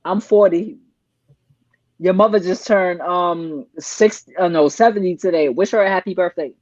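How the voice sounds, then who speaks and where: A woman's voice: lowish voice, normal speed, a little mellow, no echo. A woman in her forties hosting a heated panel debate over a video call, combative and talking over the others. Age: 40s. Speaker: host. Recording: dry, dull lo-fi call audio.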